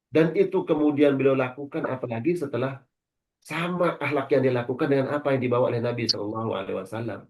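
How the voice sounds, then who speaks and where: A man speaks as a religious teacher during a talk. He explains with calm, measured phrasing and an even middle voice. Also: mid-range voice. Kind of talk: religious lecture.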